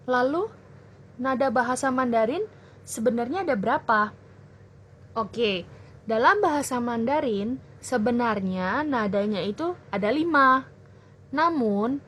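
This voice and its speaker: A young woman tutoring children in a language lesson, explaining clearly and patiently. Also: a little high, a little hiss or hum. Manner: slow, clear teacherly explaining. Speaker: Mandarin tutor.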